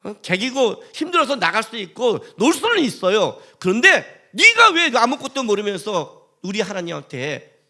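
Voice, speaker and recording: Male pastor, high bright voice, animated and jokey, preaching in casual spoken language. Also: moderate pace. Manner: animated, joking, colloquial storytelling with acted quotes. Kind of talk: sermon.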